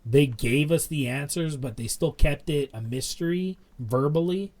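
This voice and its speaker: A man's voice: a little high, moderate pace, a little mellow. A young man co-hosting a podcast, rambling through a casual wrestling recap with lots of fillers. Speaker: podcast co-host.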